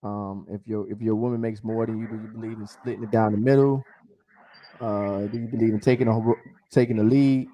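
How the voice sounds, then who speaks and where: A man's voice: fairly low pitch, flat delivery, fairly quick, warm tone, a little hiss or hum, poor audio. A man hosting an online dating show in a casual, informal way, often repeating his phrases. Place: online video call.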